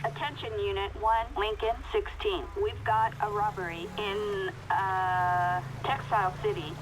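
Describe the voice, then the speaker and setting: A police radio dispatcher. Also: female voice, medium pitch, flat delivery. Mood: formal. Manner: measured, formal call-out delivery. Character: calm female police dispatcher in a game. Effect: police radio transmission. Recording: distant radio voice with noisy game sound.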